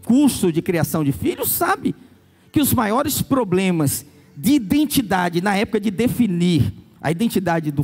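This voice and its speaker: A man's voice: high-pitched, gravelly, husky. A Brazilian pastor preaching a sermon, telling stories and acting out the people he quotes. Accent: Brazilian Portuguese. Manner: storytelling preacher, acts out quoted voices.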